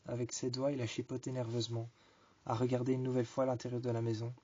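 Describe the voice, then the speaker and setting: A man telling a first-person story, restating each line in slow, repetitive phrasing. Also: medium pitch, monotone, dark tone. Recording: dull lo-fi recording.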